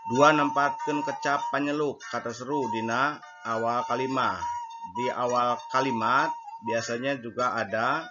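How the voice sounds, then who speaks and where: Patient male teacher over loud music. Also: mid-range voice, fairly even intonation, unhurried, muffled recording. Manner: explains patiently, translating each point between two languages. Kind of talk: recorded grammar lesson.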